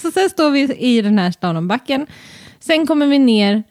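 A woman, co-hosting a casual chat podcast and acting out her stories with animated voices. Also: no echo, studio quality. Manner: animated storytelling, acting out a child's shrill demands. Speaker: podcast co-host.

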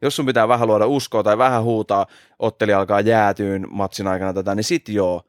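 A man, a fighter, co-hosting a casual podcast, opinionated and relaxed, dropping in English phrases. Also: lowish voice, no echo, studio quality. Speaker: podcast co-host and MMA fighter.

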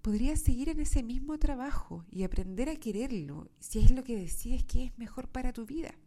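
A woman speaks in a mellow, nasal voice that sounds congested from allergy. She delivers reflective self-help coaching as a monologue, talking straight to the listener. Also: on the high side, animated, normal speed. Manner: reflective, addresses listener directly with rhetorical questions. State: stuffed up from pollen allergy. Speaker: host of a self-help podcast.

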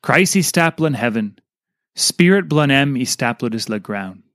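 A man with a Papua New Guinean accent reads a scripted devotional in Pidgin, in short measured phrases. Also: medium pitch, expressive, fairly bright tone, no echo, clean studio sound. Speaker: devotional reader.

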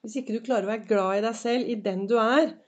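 A woman hosting a podcast in a chatty, encouraging motivational monologue, her voice slightly hoarse and her throat often cleared, with many fillers. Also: a little high. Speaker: podcast host. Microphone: semi-pro recording setup.

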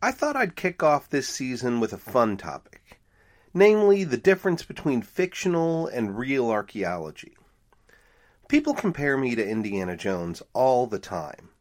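A man's voice: mid-range voice, moderate pace. A middle-aged man hosting his own podcast, telling stories in a casual, wry, conversational way. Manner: animated, conversational, wry asides. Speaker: podcast host, archaeologist.

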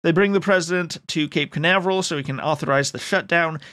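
A high-pitched man talking through a film plot in casual chat. He's sardonic and rambling, often stopping mid-thought to restart. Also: quick pace, bright, forceful tone. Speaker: podcast co-host recapping a film.

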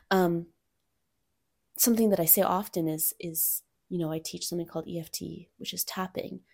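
Candid woman talking softly and openly. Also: fairly low pitch. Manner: candid, reflective, softens to near-whispers at times. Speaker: podcast host and coach for mothers. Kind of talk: personal solo podcast talk.

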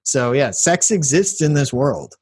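A man's voice: mid-range voice, sing-song, a little slow, a little mellow, husky, no room sound. Guy cracking jokes while recapping a movie, dry close sound. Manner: playful, recaps plot with jokes. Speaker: podcast co-host. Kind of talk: casual movie-review chat.

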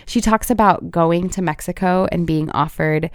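A woman's voice: lowish voice, moderate pace, no echo, clean studio sound. A woman in her thirties, a pediatric feeding therapist, talking in an earnest, heartfelt way with frequent fillers in a conversational interview.

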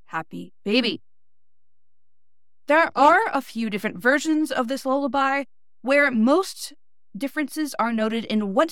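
A woman's voice: a little high, fairly bright tone, no room sound, studio quality. A woman podcast host with a Northeast Ohio accent, reading scripted history narration with small self-deprecating asides. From Midwestern United States.

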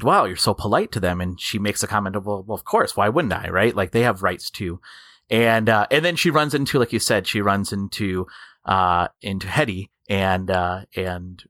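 A man conducting a casual interview, halting and repeating words as he forms his questions. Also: on the low side, sharp tone, no echo, studio quality.

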